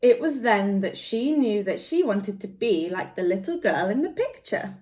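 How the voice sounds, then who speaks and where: This woman, a guest reader, performs a picture book for little kids in a lively storytelling style. Her pitch is mid-range and she keeps a normal speed.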